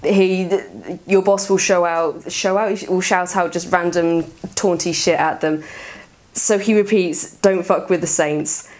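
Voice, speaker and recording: Hoarse, excitable woman vlogger. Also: on the low side, unhurried. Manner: rambling, excitable, swears freely, laughs often. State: hoarse, tired voice. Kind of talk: casual chat.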